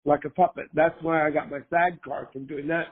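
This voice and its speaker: An older man, hoarse from a cold, chatting casually as an interview guest and rambling with lots of fillers. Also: on the high side, level tone, brisk. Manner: rambling, full of fillers and restarts. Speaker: guest, former costume maker. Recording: tinny phone-line sound.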